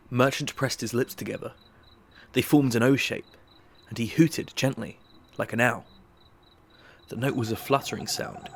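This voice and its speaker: A man narrating an audiobook drama in a measured, even storytelling manner. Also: lowish voice.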